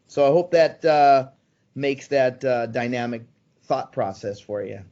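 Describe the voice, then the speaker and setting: The slightly dull, muffled recording captures an interview guest in his sixties speaking at a measured pace in a dark, mid-range voice. His conversational answers come across as eager and persuasive, though he often says "um" and restarts his sentences.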